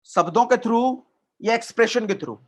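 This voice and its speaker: Brief: high-pitched male trainer on a video call, lively coaching, keeps asking the chat to reply. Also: unhurried. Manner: energetic, repetitive coaching, asks the chat for replies. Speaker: network marketing trainer. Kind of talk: live online training session.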